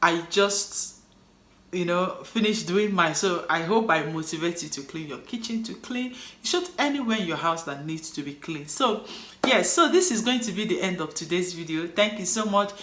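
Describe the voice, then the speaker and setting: Her voice is lowish and fairly bright with lively intonation, moving at a moderate pace. A Nigerian-accented cleaning vlogger, she chats to camera in an echoey room, encouraging viewers in an upbeat way before a motivational sign-off.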